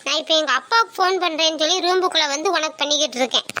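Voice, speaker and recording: A woman plays a chatty college-age daughter with a very high, bright, sharp voice. She talks quickly and reassures the other person in an easy, casual way. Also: a little hiss or hum. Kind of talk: skit acting.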